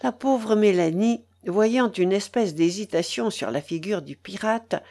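A woman narrating a classic novel as an audiobook, reading in a dramatic, expressive way. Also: mid-range voice, a little slow.

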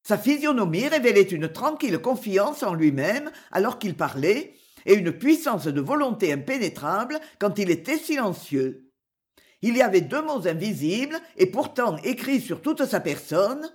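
A narrator reading a classic novel aloud in a slow, expressive storytelling manner. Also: mid-range voice. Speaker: audiobook narrator. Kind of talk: scripted literary narration.

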